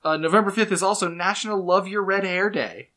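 A man co-hosting a casual podcast, interrupting with deadpan trivia and quick opinions. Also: sits high. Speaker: podcast co-host. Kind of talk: casual chat.

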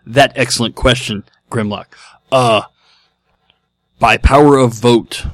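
A man's voice: mid-range voice, steady tone, takes it slowly, a bit bright, no room sound, clean studio sound. A man doing a robot voice for a blunt caveman-style male robot senator who speaks in broken phrases, on a listener Q&A podcast. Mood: gruff.

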